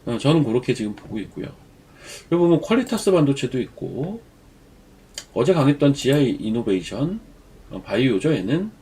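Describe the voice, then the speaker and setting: Speaking at a normal speed in a warm, slightly rough, sing-song mid-range voice, a man with a cold gives casual market commentary as the live stream's regular commentator. He's chatty and rambles into personal stories.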